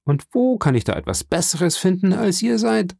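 A man's voice: high voice, sing-song, normal speed, gravelly, dark tone, breathy edge, no echo, clean studio sound, pitched above the performer's own voice, exaggerated voice. A man playing a jealous young fisherman. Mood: pleading, jealous. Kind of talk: audiobook reading.

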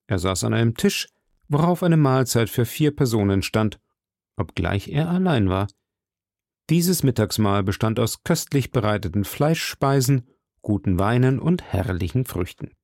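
A man narrating a classic novel as an audiobook, his pitch moving expressively through the sentences. The recording is dry and close. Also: a little slow, dry recording. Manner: lively, expressive reading.

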